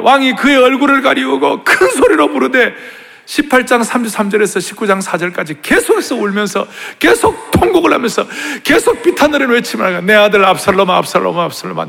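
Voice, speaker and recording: A man preaching a sermon with a high, gravelly voice, caught by the long reverb of a large church sanctuary. He tells the story dramatically, dropping to hushed tones and rising to shouts. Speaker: pastor.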